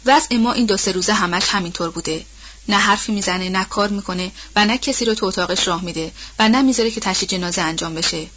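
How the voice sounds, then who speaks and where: For a storybook recording, a woman voices a worried old household nanny, anxious and gossipy, rambling in a loose, colloquial way. The voice sits at a middling pitch, fairly bright and husky, and the audio is dull and lo-fi.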